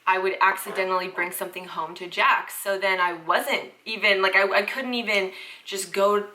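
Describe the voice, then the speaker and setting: A woman's voice: mid-range voice, steady tone, normal speed, bright, forceful tone, a little hiss or hum, low-quality recording. A young woman, chatting casually to camera as a parenting vlogger, filling her talk with "like". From Southern United States. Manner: chatty, fills talk with "like" and "freaking".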